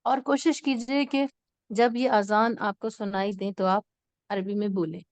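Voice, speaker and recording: A woman teaching an Arabic lesson as an online class, explaining slowly and repeating words for emphasis. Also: medium pitch, steady tone, a little mellow, no room sound.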